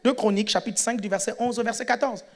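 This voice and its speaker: A man with a very high voice preaches a lively sermon to a congregation. He shouts, acts out dialogue and calls for amens. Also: quick pace, creaky. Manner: animated, shouting, call-and-response with the congregation.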